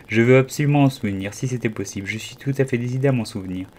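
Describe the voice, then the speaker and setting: A man's voice: mid-range voice, very fast, darkish tone, slight background noise, natural voice. A man voicing a curious, earnest little girl in a storybook, thoughtful and wondering. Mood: musing.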